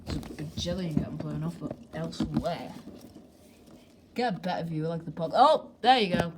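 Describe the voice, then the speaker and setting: In a very noisy clip, a young woman with a lowish, animated voice talks at a moderate pace. She's vlogging as she films fireworks at home on a handheld camera, rambling and joking casually, poking fun at herself and swearing a little.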